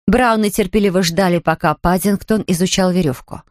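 A woman reading a children's story aloud in a lively way, voicing the characters in turn. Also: on the low side, brisk, dry recording, clean studio sound.

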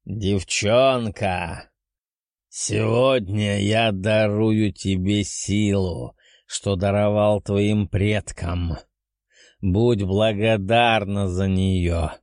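A man voicing an ancient, proud male dragon spirit in an audiobook, slow and booming with a growl. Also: steady tone, a little mellow, dry recording, studio quality. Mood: commanding. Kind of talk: audiobook character voice.

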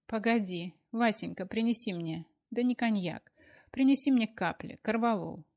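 A woman's voice: medium pitch, normal speed, darkish tone, pitched above the performer's own voice, natural voice. A woman voicing a fussy, talkative older mother who pours out anxious questions, in an audiobook. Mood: soothing. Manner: breathless stream of anxious questions. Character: fussy chattering older mother, clucking and doting. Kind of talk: audiobook character voice.

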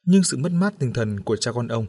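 A man reading a scripted horror story with steady, measured narration. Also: mid-range voice, slightly rough.

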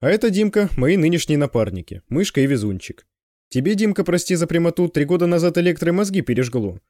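Narrator doing tough stalker guy, blunt and dry, lively tone. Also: on the high side, fast, no room sound, pitched above the performer's own voice. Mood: wry. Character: man stalker, tough and wry.

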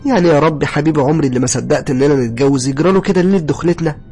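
A man voicing a worried young new bride with an Egyptian accent, pleading and high-strung in a spoken horror story. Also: rapid-fire, gravelly, a little mellow, faint music behind, lightly acted. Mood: tearful. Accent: Egyptian Arabic.

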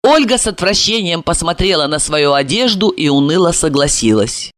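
An audiobook narrator reading a crime story in an expressive, storytelling manner. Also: medium pitch, moderate pace, no echo, studio quality. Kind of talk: scripted narration.

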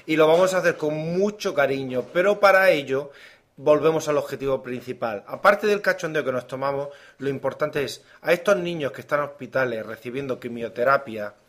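A man with an accent from Spain co-hosting a casual gaming podcast, joking loosely but turning earnest when he appeals to his listeners. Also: mid-range voice. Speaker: podcast co-host.

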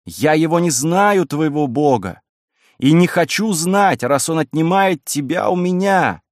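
A man voicing a wild, passionate young woman, raising his voice to sound higher and speaking with a pleading, impassioned manner in a dry room. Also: lively intonation, unhurried, no room sound. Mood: defiant.

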